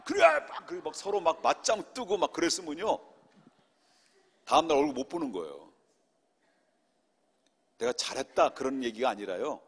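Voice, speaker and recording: Gravelly, animated male pastor preaching. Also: fairly high pitch, normal speed, pauses often. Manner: animated storytelling, acts out quoted speech. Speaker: senior pastor. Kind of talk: sermon at a Friday prayer meeting. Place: church sanctuary. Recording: long reverb of a church hall.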